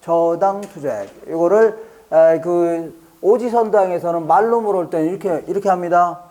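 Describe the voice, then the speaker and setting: A man with a notably high voice lectures a classroom of exam students. He says each key phrase twice and keeps checking that the class is following. Now and then he trades light jokes with the students. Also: normal speed, mellow.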